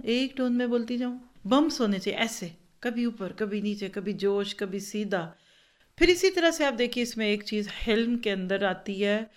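An earnest woman teaches a religion class to women, in a medium-pitched voice. She is animated and instructive, and stops to act out tones of voice as examples. She speaks steadily so her students can take notes. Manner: earnest, instructive, repeats points for note-taking. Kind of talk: Islamic lecture to a class of women.

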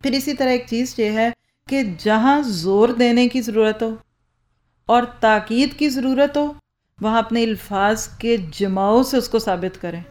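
A woman lectures on speaking skills in a hall filled with rows of listeners, using a handheld or stand microphone. Her voice is a little high and a little mellow, her pace measured, and she asks rhetorical questions before answering them herself.

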